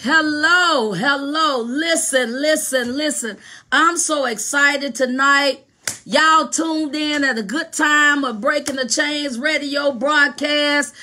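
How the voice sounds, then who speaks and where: High, bright-voiced excited woman host. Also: slow, few pauses, soft background music. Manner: lively, greets viewers by name, repeats words. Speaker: host of a live radio podcast. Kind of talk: excited live-stream greeting. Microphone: phone.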